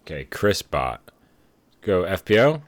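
Male co-host, low voice with lively swings, dry teasing casual talk. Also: a little slow. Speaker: podcast co-host. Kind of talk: casual chat during a fantasy draft.

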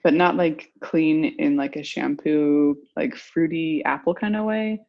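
A woman's voice: sits low, measured pace, vocal fry, dull audio. A woman in her forties, a perfumer being interviewed, talking casually and rambling with lots of filler words. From United States. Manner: rambling, full of "like" and "you know". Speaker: perfumer guest.

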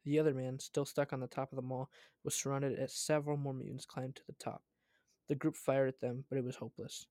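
A man's voice: medium pitch, level tone, brisk, dark tone, dry recording. Man reading a story aloud, dry. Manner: stumbles and corrects himself while reading.

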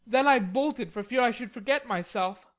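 Lady doing a stubborn teen boy for an audiobook, raised pitch, emphatic and huffy. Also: normal speed, lightly acted. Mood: indignant. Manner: emphatic, protesting. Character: indignant, wilful teenage boy, stubborn and hot-tempered. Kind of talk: audiobook character reading.

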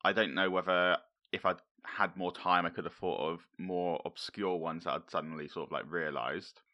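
A man co-hosting a casual podcast, sounding tired and husky after a night shift, easygoing and quick to laugh. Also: low voice, fairly even intonation, bright, forceful tone, muffled recording. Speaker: podcast co-host. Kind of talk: casual chat.

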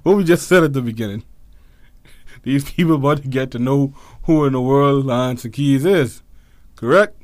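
A man's voice: medium pitch, normal speed, a little mellow, dry recording, clean studio sound. A man co-hosting a casual podcast, bantering in slang with playful trash talk and repeating phrases for emphasis. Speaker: podcast co-host. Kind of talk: casual banter between friends.

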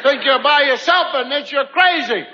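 A middle-aged man tells long stories on stage at a slow, unhurried pace, now and then bursting out loud. His voice is high and very bright. It sounds like a live stage recording with a long hall echo and an audience in the room. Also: animated, muffled recording, a faint crowd, a little hiss or hum. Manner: slow, drawn-out storytelling with sudden loud outbursts. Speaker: stand-up comedian. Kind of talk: stand-up storytelling. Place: large theater stage.

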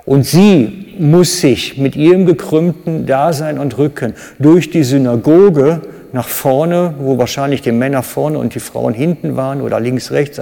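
A man with a German accent preaching a sermon, animated, with sudden loud high bursts when he acts out cries and quotes. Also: vocal fry. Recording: reverberant hall.

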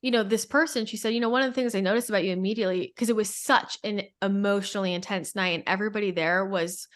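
Woman, casual spiritual podcast chat, rambling storyteller, restarts often, mid-pitched voice. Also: steady tone, fast. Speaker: podcast conversation partner.

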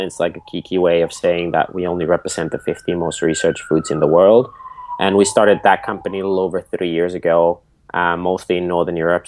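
A man from Finland with a Finnish accent, a podcast guest telling his story in loose, rambling answers full of fillers. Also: sits low. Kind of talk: casual interview.

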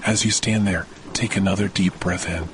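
With steady rain and rolling thunder audible throughout, a male meditation podcast host narrates a guided sleep meditation. His delivery is slow, calm and measured, broken up by long pauses.

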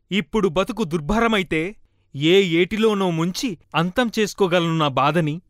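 A man's voice: sits high, a bit bright, no echo, clean studio sound. A man reading a novel aloud as an audiobook, voicing a woman's first-person account with heartfelt emotion. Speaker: audiobook reader. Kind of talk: scripted narration of a novel.

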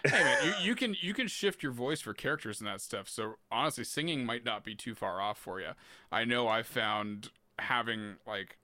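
Male podcast host with a bright, lowish voice, encouraging and casual, dry close sound. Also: expressive, normal speed, no echo. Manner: encouraging, laughs easily, casual swearing.

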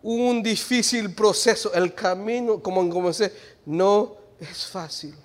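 A man preaches a sermon in church, his voice sitting high and his pace slow. He swings between shouted exhortation and quiet, joking asides.

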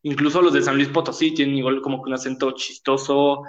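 A man's voice: medium pitch, level tone, fast, highs cut off. A young man with a Mexico City accent hosting a casual podcast, slangy and laughing often. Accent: Mexico City Spanish. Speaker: podcast host.

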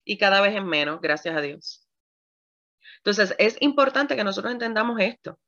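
A woman pastor, preaching about communication, animated, acting out examples and speaking straight to her listeners. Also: medium pitch, moderate pace, lo-fi sound. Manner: animated, acts out examples with shifting tones; addresses the audience directly, laughs often. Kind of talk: sermon on communication.

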